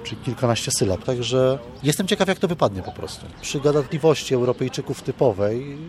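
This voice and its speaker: A man's voice: medium pitch, lively intonation, fairly quick, a little mellow. A man answering a reporter's questions in a thoughtful, reflective way. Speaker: contest participant. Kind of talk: interview answers.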